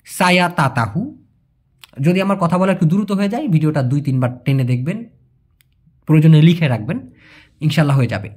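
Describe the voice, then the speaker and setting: Man, language teacher, patient, repeats words slowly, animated pitch. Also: husky. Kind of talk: explaining vocabulary to viewers.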